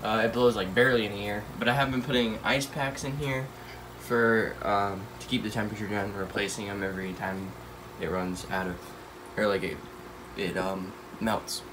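Against background noise, a teenage pet channel host speaks at a moderate pace with few pauses, his voice fairly low and his tone steady. His nose sounds stuffy, and he rambles casually with many fillers while he films the tanks in his home room on a handheld phone for a pet care vlog.

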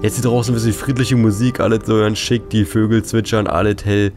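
Deep-voiced scared young man streaming horror. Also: level tone, fairly quick. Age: young adult. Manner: scared, jittery horror game reactions with slangy interjections. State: slightly congested with a cold. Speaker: let's player, horror game streamer. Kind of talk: casual gameplay commentary. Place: indoors at a gaming desk. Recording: game music behind the voice. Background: game music and sounds.

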